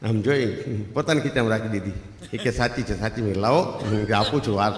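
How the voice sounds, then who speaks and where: A middle-aged man with a Gujarati accent, telling comic stories on stage and jumping into loud, lively acted quotes. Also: fairly low pitch, fairly quick, reverberant, long reverb tail. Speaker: stand-up comedian. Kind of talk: Gujarati folk comedy storytelling.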